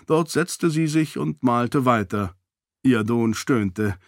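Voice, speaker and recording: A man reading a fantasy novel aloud in measured, even narration. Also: mid-range voice, dry recording, studio quality. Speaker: audiobook narrator.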